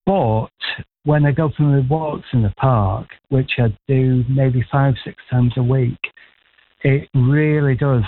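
A man in his sixties rings into a radio phone-in and rambles warmly, full of hesitations and restarts. His voice comes through a thin, tinny telephone line. His pitch sits in an ordinary middle range. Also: slow. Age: 60s. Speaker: caller. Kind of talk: casual phone-in chat.

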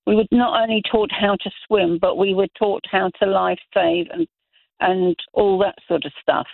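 A middle-aged Zambian man calls into a radio show for casual phone-in chat, rambling through long anecdotes with many restarts. His high voice is creaky with fairly even intonation and normal speed, heard over a tinny, dry telephone line with no room sound.

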